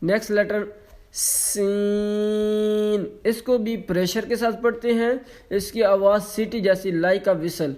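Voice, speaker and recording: High-voiced man teaching letter sounds. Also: fairly even intonation, darkish tone. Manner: slow drawn-out letter sounds between quick explanations, mixing in English. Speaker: Quran reading tutor. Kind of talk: online lesson in letter pronunciation.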